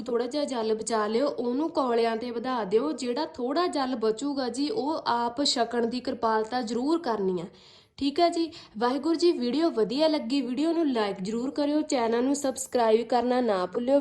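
A woman's voice: on the high side, a little mellow. A woman giving earnest devotional advice, repeating phrases and coaxing listeners politely. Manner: earnest, repetitive, coaxing with frequent "ji". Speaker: spiritual speaker.

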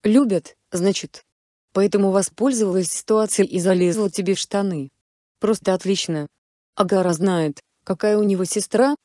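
A woman voicing a young fiancée who is hurt and fierce, sharp when angry. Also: medium pitch, normal speed, no room sound, studio quality, lightly acted. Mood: furious. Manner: cold then furious.

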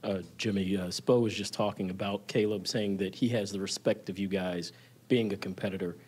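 A man's voice: lowish voice, fairly even intonation, a little fast, a little mellow, breathy edge. A man working as a reporter, asking a question at a press conference.

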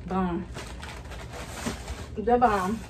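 A young mother, hot and sweaty, films a casual grocery haul in her kitchen, chatting to viewers she calls y'all as she unpacks bags. She draws out her words in a mid-range voice, captured at a distance by a camera on the counter in a noisy room.

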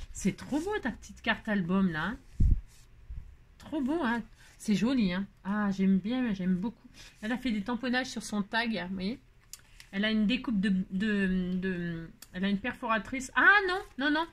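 A woman's voice: medium pitch, fairly bright tone, slight background noise. A woman in casual chat with her viewers, gushing over each piece she unpacks. She talks in a chatty, exclamatory way, trails off into fillers, and scolds her crafts playfully. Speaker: craft channel host. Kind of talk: casual chat while opening mail.

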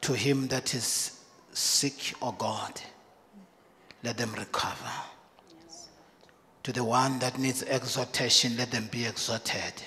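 A middle-aged man preaching and praying in a church, speaking in short repeated phrases with pauses for an interpreter. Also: mid-range voice, fairly even intonation, sharp tone, a little hiss or hum. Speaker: pastor. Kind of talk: sermon with prayer, paused for interpreter. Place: large church hall indoors. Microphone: handheld mic. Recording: reverberant church hall.

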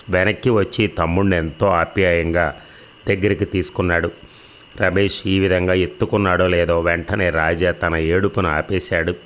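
A middle-aged man reading a dramatic novel as scripted narration, with a steady, measured delivery. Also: deep voice, slight background noise.

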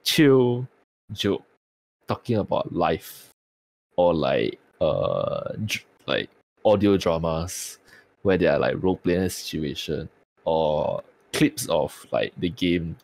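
A man's voice: low voice, expressive, takes it slowly, creaky, a little mellow. A man with a tired-sounding voice, chatting casually on a podcast and swearing freely. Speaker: streamer and podcast co-host.

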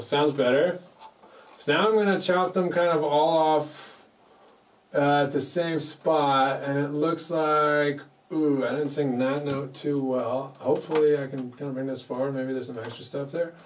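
This music producer's voice is a little high, with fairly even intonation and a slightly slow delivery. He jokes at his own expense while casually vlogging from his home studio with its mixing desk, and a distant mic leaves faint background noise.

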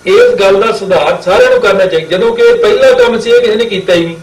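Man, scripture teacher, slow drawn-out recitation, quick explanations, echoey recording from afar. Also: sits high, wildly swooping pitch. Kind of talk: recitation and pronunciation lesson. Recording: echoey room, voice from a distance.

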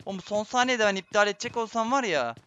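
Excitable bright-voiced gaming streamer man. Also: sits high, fast talker, muffled recording, slight background noise. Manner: excitable, swings between muttering and frustrated outbursts; addresses viewers constantly. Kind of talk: live gameplay commentary.

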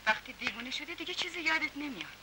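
A sly female gangster teases the prisoner in a very high voice that rises and falls a lot. It is dubbed 1960s film acting on a hissy old soundtrack. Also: lively intonation. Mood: taunting. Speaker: gang member.

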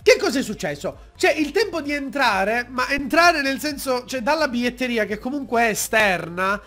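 A young man, telling a story on his vlog from a desk mic at home, acting out shouting fans. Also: normal speed, soft background music. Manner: animated, acts out shouting fans in high yells. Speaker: YouTuber. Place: room at home. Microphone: desk mic with pop filter.

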